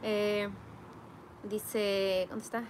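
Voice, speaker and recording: A woman's voice: mid-range voice, flat delivery, extremely slow, a little hiss or hum. A woman hosting a casual live stream, reading viewers' comments aloud and teasing them playfully. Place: home garden workspace.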